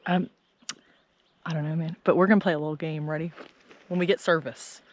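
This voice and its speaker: A woman's voice: sits low, fairly even intonation, a little fast. A woman talking in a playful, teasing way while hiking a trail outdoors with her cousin. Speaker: vlogger's cousin and hiking companion. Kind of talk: casual chat on a hike.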